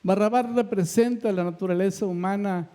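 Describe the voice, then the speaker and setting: A man's voice: high voice, normal speed, mellow, clear, resonant tone. A male pastor preaching a sermon with emphatic, repeated phrases.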